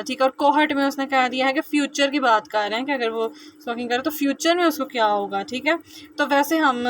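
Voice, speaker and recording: A young woman with a Pakistani accent, teaching research methods casually and reading English lines slowly from her notes. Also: a little high, slight background noise, poor audio. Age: young adult. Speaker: physiotherapy student teaching. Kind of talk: informal lecture walkthrough.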